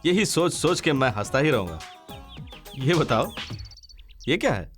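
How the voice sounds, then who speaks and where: A man's voice: a little high, very animated, measured pace, a bit bright, soft background music. A man dubbing a cheeky young man who playfully teases his sweetheart, laughing as he talks, in a Hindi film dub. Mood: teasing. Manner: playful, teasing, laughing often. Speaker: male lead of a dubbed film.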